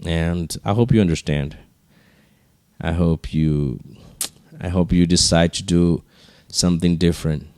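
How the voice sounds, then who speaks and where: A man hosting a podcast solo, speaking slowly in a low, hushed register with casual, rambling, earnest encouragement. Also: steady tone, clear, resonant tone, dry recording. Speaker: podcast host.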